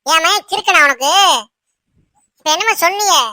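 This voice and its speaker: A woman voicing a sharp-tongued, domineering old mother-in-law in a cartoon, scolding and bossing her daughter-in-law. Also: very high voice, moderate pace, no room sound, exaggerated voice. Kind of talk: cartoon voice acting.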